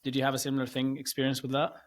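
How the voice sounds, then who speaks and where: A man hosting a podcast interview in casual chat, effusive and quick to exclaim, with some hesitant fillers and restarts. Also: medium pitch, completely flat delivery. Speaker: podcast host.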